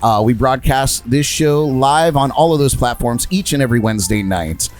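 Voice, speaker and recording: A man hosting a live music podcast, upbeat and quick to laugh. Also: medium pitch, animated, darkish tone. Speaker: podcast host. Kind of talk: casual live show chat.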